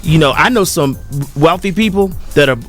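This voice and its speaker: A man's voice: fairly high pitch, expressive, moderate pace, soft background music. A man speaking as a guest in an interview, joking and playful while he talks about talent and casting. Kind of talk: casual interview talk.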